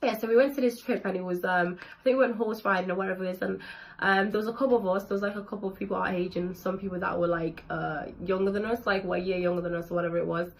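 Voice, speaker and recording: A woman's voice: medium pitch, steady tone, fast, gravelly, rough recording. Candid young woman. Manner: candid, slangy, swears freely. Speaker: vlogger. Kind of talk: casual storytelling to camera. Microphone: built-in camera mic.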